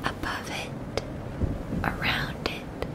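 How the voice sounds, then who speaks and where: A woman whispers a gentle, soothing ASMR fantasy roleplay, speaking directly to the listener in an unhurried, carefully enunciated way. The story is told in second person and offers choices along the way.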